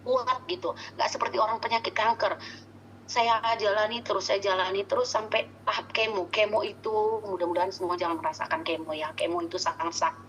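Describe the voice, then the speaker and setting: A woman giving a casual spoken testimonial, halting and searching for words with many restarts. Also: medium pitch, flat delivery, fairly bright tone, slight background noise, rough recording. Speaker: customer giving a product testimonial.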